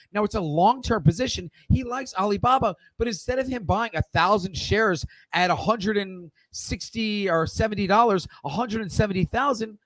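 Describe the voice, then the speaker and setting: Man, high-pitched trading-stream host, blunt and profane, dry close mic. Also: no echo, poor audio. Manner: blunt, swears casually, lectures the viewer directly. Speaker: stock trading livestream host. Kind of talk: live Q&A trading lesson.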